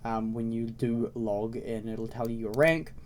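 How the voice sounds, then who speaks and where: A man with a slightly raspy voice, congested with a cold, giving a casual, explanatory game tutorial as a video host. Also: mid-range voice, fairly even intonation, measured pace, a little hiss or hum. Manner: informal, explanatory, often checking in with "okay?" and "right?". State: congested with a cold, frequent throat clearing. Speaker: video host introducing a browser game series.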